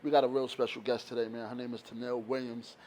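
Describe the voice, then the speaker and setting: A man hosting a casual podcast interview, laid-back and quick to affirm with no doubt and dope. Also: mid-range voice, little pitch movement, a little mellow. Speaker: podcast host. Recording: faint background noise.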